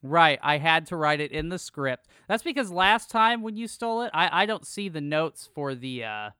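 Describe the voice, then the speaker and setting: A man's voice: on the high side, big pitch swings, moderate pace, bright, forceful tone, smooth, dry recording, clean studio sound. A man co-hosting a podcast, recapping an episode from a script with jokey asides. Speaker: podcast co-host. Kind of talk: casual recap chat.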